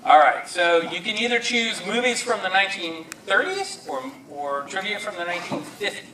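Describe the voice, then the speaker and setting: A man's voice: high voice, big pitch swings, normal speed. A man hosting a live horror movie trivia quiz with a joking, bantering manner. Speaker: quiz host. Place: large hall at a live event. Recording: echoey hall, distant mic, audience noise.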